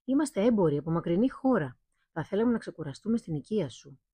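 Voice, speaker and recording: A woman's voice: fairly low pitch, sing-song, mellow, breathy edge, no echo. A woman voicing a curious, amused caliph posing as a merchant. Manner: polite, amused.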